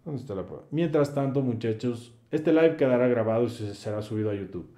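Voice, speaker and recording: A man's voice: mid-range voice, a little fast, mellow. Blunt, preachy man streaming live. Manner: blunt, preachy, slangy, addresses viewers as bro. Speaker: livestream host answering viewer questions. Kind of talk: live Q&A, reading chat comments aloud.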